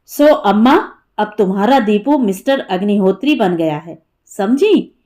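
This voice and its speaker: A woman's voice: medium pitch, animated, a little slow, dark tone, lightly acted. A woman voicing an earnest, playful young man who pleads with his mother in an audiobook story. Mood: cheerful. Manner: eager, then pleading.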